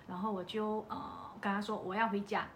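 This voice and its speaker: Her voice is medium in pitch and brisk, and there's a little hiss or hum on the audio. A podcast speaker with a Malaysian Mandarin accent, she shares a personal story casually and brings the quoted dialogue to life with energy.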